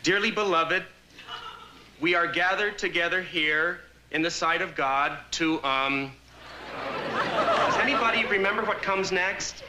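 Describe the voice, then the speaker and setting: An actor playing a casual, forgetful sitcom minister, hesitant and fumbling. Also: male voice, high voice, expressive, measured pace, pauses often. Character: casual, forgetful man improvising as wedding minister. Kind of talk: 1970s TV sitcom acting. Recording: very noisy old sitcom tape.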